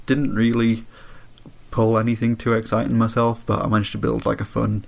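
A man chatting casually, his voice croaky and congested from a head cold. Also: lowish voice, level tone, normal speed. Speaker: podcast co-host. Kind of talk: casual chat. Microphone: remote internet voice call.

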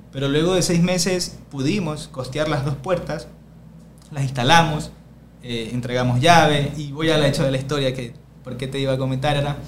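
Un hombre joven con acento ecuatoriano, líder comunitario, que cuenta anécdotas en una charla informal de podcast, imitando los diálogos. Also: male voice, mid-range voice, slight background noise. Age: young adult. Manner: animated storyteller, acting out dialogue. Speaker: community leader. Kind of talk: casual podcast conversation.

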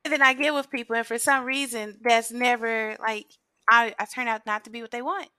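A woman's voice: a little high, fairly even intonation, a little fast, pushed and bright, clear, resonant tone, no room sound, clean studio sound. A woman around thirty, a podcast guest in casual chat who laughs often and pokes fun at herself. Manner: laughs often, chatty and self-mocking.

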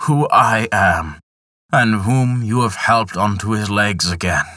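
A man voicing Death in a spoken folk tale, speaking in a slow, measured, solemn way. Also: fairly low pitch, sharp tone, no echo, clean studio sound. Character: Death, stern male personification of death.

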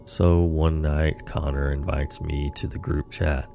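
A man hosting a horror podcast, narrating scary stories in a slow, ominous horror-host manner. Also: a bass voice, flat delivery, gravelly, warm tone, faint music behind.

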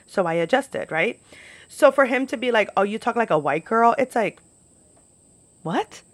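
A woman's voice: mid-range voice, no echo. A young American woman telling personal stories casually to camera, chatty and candid, peppering her talk with "like". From United States, New York and Florida. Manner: candid, chatty, frequent "like" as filler. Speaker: podcast host. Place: outdoors at home.

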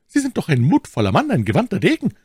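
A man's voice: high-pitched, huge pitch swings, quick pace, breathy edge, no room sound, studio quality, pitched above the performer's own voice, exaggerated voice. A man voicing a cold, scheming young noblewoman with a cutting, mocking tone in an audiobook. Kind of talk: audiobook character voice.

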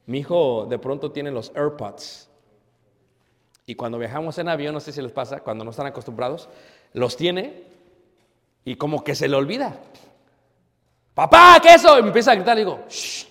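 A man preaching a sermon as a pastor, asking rhetorical questions and swinging between loud emphasis and hushed asides. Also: a little high. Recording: long hall reverb.

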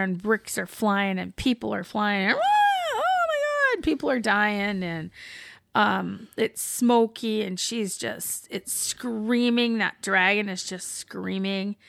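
Gravelly-voiced woman gushing over a show. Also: medium pitch, slow, no room sound. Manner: excited, swears freely, recaps scenes with gusto. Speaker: podcast co-host. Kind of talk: casual TV recap chat.

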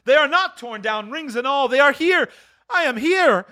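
A man's voice: fairly high pitch, quick pace, a bit bright, voice pushed up, natural voice. A man voicing a reformed old miser in a dramatic storybook reading, exclaiming fervently with emphatic repetitions. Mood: giddy elation. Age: older. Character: reformed old miser, frantic, pleading, then childishly joyful. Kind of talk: dramatic audiobook character reading.

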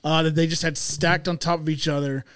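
A man's voice: fairly high pitch, level tone, fairly quick, fairly bright tone, clean tone, no echo, studio quality. A man hosting a casual podcast, telling rambling food stories with many fillers. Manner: rambling, filler-heavy storytelling. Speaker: podcast host. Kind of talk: casual chat.

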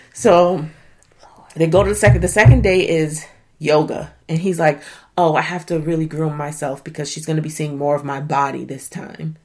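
A woman casually recapping a reality dating show, animated and slangy, swearing and laughing often. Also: low voice. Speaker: show reviewer.

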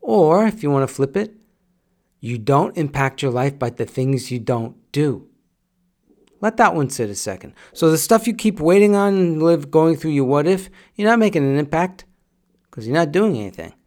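A man's voice: fairly high pitch, very animated, moderate pace, darkish tone. A middle-aged man hosting a podcast, giving a direct, repetitive motivational monologue in a coaching tone. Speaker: podcast host.

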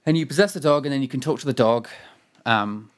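A man with a mid-range voice talks fast as he co-hosts a podcast from home. He chats casually about a game in a rambling, wry manner, frequently correcting himself.

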